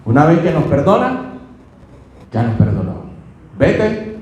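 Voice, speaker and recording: A man's voice: a little high, wildly swooping pitch, takes it slowly, darkish tone. A male pastor preaching a sermon, fervently calling out to his congregation. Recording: very echoey church hall.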